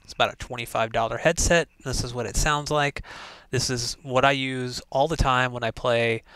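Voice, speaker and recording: A man talks in an offhand, conversational way as he runs a mic test. His voice is medium-pitched and comes through an earbud or headset microphone, unprocessed and dry, with very little room sound. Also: steady tone, moderate pace, fairly bright tone, smooth, no echo. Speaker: tech reviewer. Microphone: wireless and wired earbud or headset mics, unprocessed.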